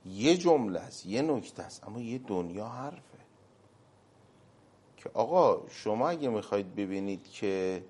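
Lower-pitched man preaching. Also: animated, a little mellow, breathy edge. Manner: preacherly, quoting Arabic phrases slowly with emphasis. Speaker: cleric. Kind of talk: religious talk on a program.

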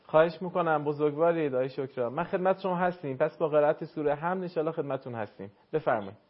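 Recitation teacher guy, slightly high voice, polite, explains and drags out words to show them, muffled audio. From northern Iran. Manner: courteous, explanatory, demonstrates words slowly. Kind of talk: call-in recitation lesson.

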